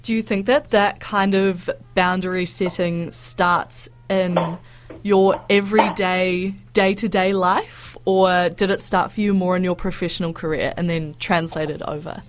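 A woman's voice: on the low side, fairly even intonation, unhurried, noisy background. A woman radio host from New Zealand who interviews a musician with eager, admiring enthusiasm. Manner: warm, enthusiastic praise.

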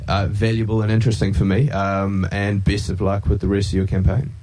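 A man with a New Zealand accent asking polite, halting questions as a radio interviewer. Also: lowish voice, monotone, darkish tone, slight background noise.

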